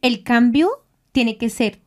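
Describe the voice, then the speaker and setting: Animated woman mixing in English. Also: a little high, takes it slowly. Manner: animated, mixes English phrases. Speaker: podcast co-host. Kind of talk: casual chat.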